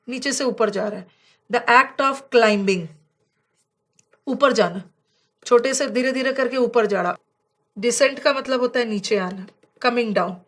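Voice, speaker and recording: A woman with a fairly high voice teaches vocabulary from slides for an exam class. She explains in Hindi that is full of words, and she slows right down to read example sentences. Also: fairly bright tone.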